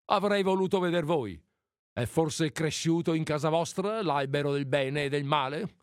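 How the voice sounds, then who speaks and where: Casting: man reading as a fervent old priest, agitated, pleading, lively pitch, dry close sound. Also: normal speed, no echo. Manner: pleading, rising to anger. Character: agitated elderly male village priest.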